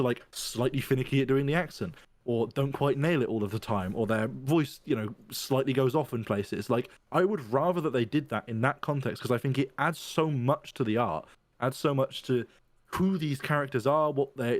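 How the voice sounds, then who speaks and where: A man's voice: mid-range voice, moderate pace, dry recording. A man hosting a podcast, explaining his point at length in casual chat and often checking in with "right?". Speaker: podcast host.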